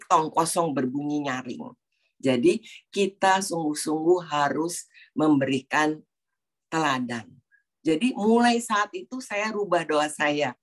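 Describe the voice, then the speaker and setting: Low-voiced woman telling faith stories. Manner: acts out her own prayers and dialogues in quoted voices. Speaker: guest speaker at a prayer fellowship. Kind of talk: faith talk with personal stories.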